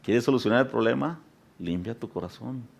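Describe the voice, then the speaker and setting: A man preaching a sermon as a pastor. He often addresses the congregation as brothers and sisters, and at times his voice rises to loud, impassioned preaching. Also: mid-range voice, normal speed, vocal fry. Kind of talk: Spanish sermon.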